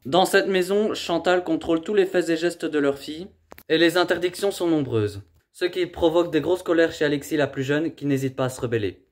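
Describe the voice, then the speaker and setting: Calm man narrating a documentary. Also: on the high side, brisk. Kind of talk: scripted voice-over narration.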